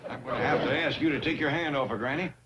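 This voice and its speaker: A man's voice: fairly high pitch, quick pace, natural voice. An actor playing an easygoing, polite hillbilly father with a Southern drawl in a TV sitcom. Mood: calm, reluctant. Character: easygoing, courteous hillbilly patriarch. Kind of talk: 1960s TV sitcom acting. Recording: muffled noisy TV soundtrack with audience.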